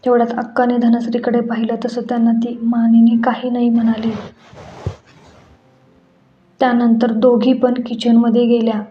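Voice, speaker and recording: A woman reads a story aloud in a steady, even voice that sits slightly high. The sound is echoey and dull, with faint music underneath. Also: moderate pace, pauses often, slight background noise. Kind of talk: scripted story narration.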